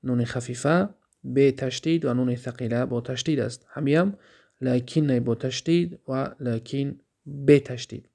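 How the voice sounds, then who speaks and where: A man with a Tajik accent teaches a grammar lesson in a gravelly, mid-pitched voice. He poses questions to his listeners and then answers them himself. He slows down to recite each Arabic example. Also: dark tone.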